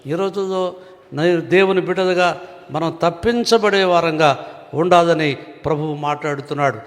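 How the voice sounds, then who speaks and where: A man's voice: fairly high pitch, normal speed. A man preaching a sermon as pastor, earnest and given to rhetorical questions. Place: church hall. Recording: long reverb of a church hall.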